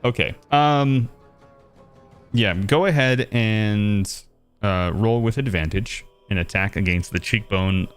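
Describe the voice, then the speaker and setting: A man with a lowish voice runs a tabletop fantasy game as game master. He talks loosely and laughs easily, with plenty of ums. Faint music plays under the voice chat. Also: slow pace, smooth. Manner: relaxed, laughing, filler-heavy.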